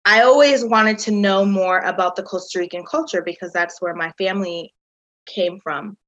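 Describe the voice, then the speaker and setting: A woman's voice: medium pitch, normal speed, fairly bright tone, lo-fi sound. Guest, woman, 30s, from the US, chatty and filler-heavy storyteller. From United States. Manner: chatty, uses lots of "um" and "like". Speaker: guest, tour company founder. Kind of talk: casual interview storytelling.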